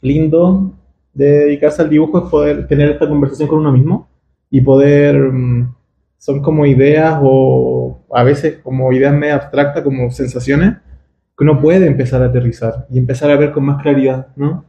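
A man's voice: medium pitch, steady tone, moderate pace, vocal fry, roomy sound, dull audio, a little hiss or hum. A man from Chile, a guest illustrator, talking reflectively and hesitantly in a casual interview in a booth at a festival. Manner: reflective, hesitant, searching for words.

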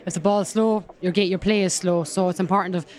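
A woman with a Kerry, west of Ireland accent talks in a casual sports interview. She explains things earnestly and quickly as a player, with little rise and fall in her pitch. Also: fairly even intonation, darkish tone. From County Kerry, Ireland. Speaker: rugby player being interviewed.

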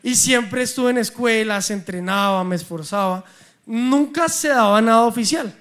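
A young man with a Colombian accent preaches with a fairly high voice. He tells personal stories in an animated, humorous way, acting out dialogue as he goes. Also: normal speed.

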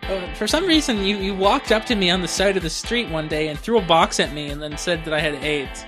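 A man's voice: high-pitched, fairly quick, a bit bright, soft background music. A man hosting a podcast, skeptical and pedantic as he corrects his co-host. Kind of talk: casual podcast banter.

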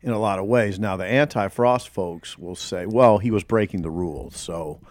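A man's voice: lowish voice, moderate pace, dry recording. A man co-hosting a sports podcast, speaking casually and with dry wit. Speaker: podcast co-host.

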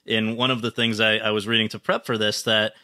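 Bright-voiced male podcast host. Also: fairly low pitch, level tone, fairly quick, dry recording, studio quality. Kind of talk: scripted intro then interviewing.

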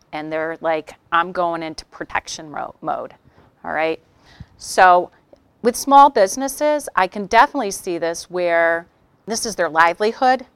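A woman giving a workshop talk to an audience, telling stories with animated acted-out quotes. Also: lowish voice, clean tone, no echo. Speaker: workshop speaker.

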